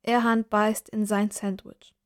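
A woman narrating a first-person story in a calm, measured reading voice. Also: mid-range voice. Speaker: reader.

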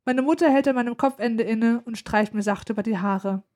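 Woman reading an audiobook, calm and steady, kinda high voice. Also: a little fast. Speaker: narrator. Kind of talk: audiobook narration.

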